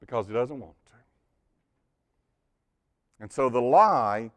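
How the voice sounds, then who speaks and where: Speaking slowly at a medium pitch, this pastor delivers a sermon full of animated storytelling. He tends to repeat words when starting phrases, and for emphasis he lowers his voice to a hushed intensity.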